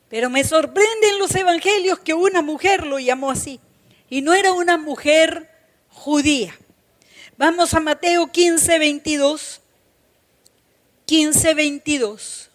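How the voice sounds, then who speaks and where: A woman's voice: high-pitched, slow pace, long pauses. A woman pastor preaching a sermon, emphatic, repeating key phrases and speaking straight to her congregation. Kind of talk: Pentecostal-style sermon.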